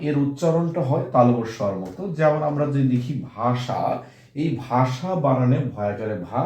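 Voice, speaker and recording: A man's voice: mid-range voice, mellow. Man teaching in an echoey room. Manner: explains slowly, repeats example words aloud. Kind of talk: classroom lesson on pronunciation.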